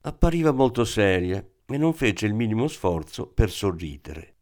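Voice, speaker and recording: A man giving steady, scripted audiobook narration. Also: lowish voice, normal speed.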